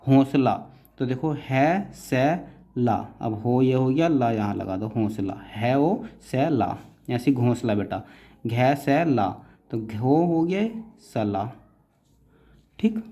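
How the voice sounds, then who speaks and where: A man's voice: mid-range voice, lively intonation, takes it slowly, warm tone. A man teaching shorthand step by step, patiently breaking words into syllables and strokes and calling his students "beta".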